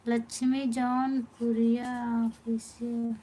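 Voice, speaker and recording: Up woman w/ local doing a live stream, kinda high voice, reads out comments and answers em patiently. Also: level tone, slow pace, warm tone, low-quality recording. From Pratapgarh, Uttar Pradesh, India. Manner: greets viewers by name, answers their questions patiently. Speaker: live-stream host and folk singer. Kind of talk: casual live-stream chat, reading viewer comments aloud.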